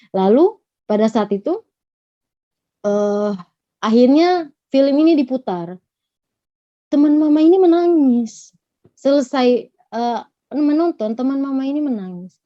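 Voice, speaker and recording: A woman from Gorontalo giving a personal testimony, retelling her story in a halting, earnest way. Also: fairly high pitch, warm tone, no room sound. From Gorontalo, Indonesia. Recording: dull lo-fi recording.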